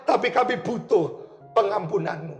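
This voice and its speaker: A man's voice: high-pitched, lively intonation, normal speed, reverberant, soft background music. A man preaching in the voice of a remorseful tax collector begging God for forgiveness. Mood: contrite. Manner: pleading, contrite.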